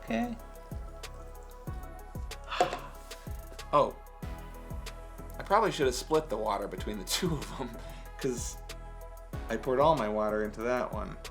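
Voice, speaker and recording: Excitable kids' party magician man, swooping pitch. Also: normal speed, pauses often, over music. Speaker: host of a children's science show. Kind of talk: children's science show presenting. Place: kitchen indoors.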